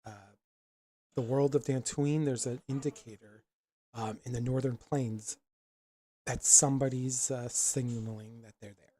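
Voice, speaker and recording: A man working as game master, improvising tabletop narration casually and haltingly as he searches for descriptive words. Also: mid-range voice, steady tone, mellow.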